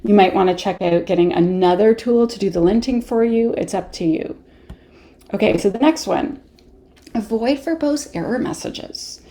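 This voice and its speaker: A woman's voice: mid-range voice, normal speed, dark tone. A woman with a Canadian accent presenting a live online workshop, chatty, laughing often and answering viewer questions as she goes.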